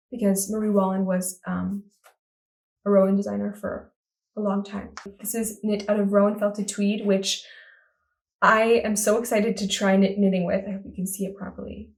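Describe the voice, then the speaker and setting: Enthusiastic woman podcast host, mid-pitched, roomy sound from a few feet off the mic. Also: darkish tone, recorded from a distance. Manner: enthusiastic, rambling with many fillers and restarts. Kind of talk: casual chat to camera.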